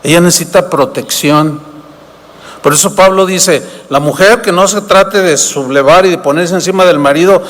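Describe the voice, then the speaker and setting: A man's voice: high voice, moderate pace, fairly bright tone. A man preaching a sermon as pastor, posing rhetorical questions and acting out little dialogues. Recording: long reverb of a large hall.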